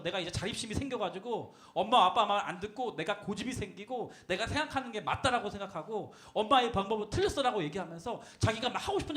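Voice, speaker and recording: A young man preaches to middle schoolers in a bright, ringing voice. His pitch swoops up and down as he acts out the kids' complaints and keeps firing the same question back at them. The delivery stays animated throughout. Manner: animated, acts out students' voices and repeats call-and-response questions. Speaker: youth pastor.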